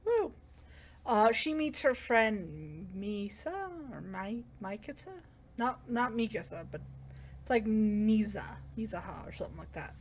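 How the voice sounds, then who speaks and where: A woman's voice: medium pitch, lively intonation, measured pace, a little hiss or hum. A woman giving a casual, rambling plot recap as a manga reviewer, with lots of "like" and self-corrections.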